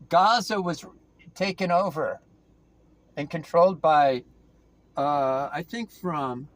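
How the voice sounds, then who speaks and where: A man delivering a ranting opinion monologue as an online commentator, blunt and profane, repeating his points insistently. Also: on the high side.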